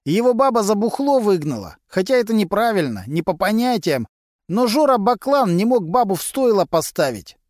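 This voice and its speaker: A man's voice: high voice, big pitch swings, moderate pace, a little mellow, no echo, clean studio sound, voice pushed up. Vasily, a man doing a brash slangy mechanic. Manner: mocking, brash, full of criminal slang. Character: cocky male mechanic with thieves' slang.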